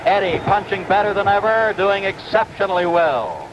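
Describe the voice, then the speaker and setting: A man with a high-pitched voice commentates live from ringside at a boxing match. He paints the scene in short announcerly phrases. The old broadcast sound is dull, with clear noise behind it. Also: lively intonation, moderate pace. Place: ringside in a large indoor arena.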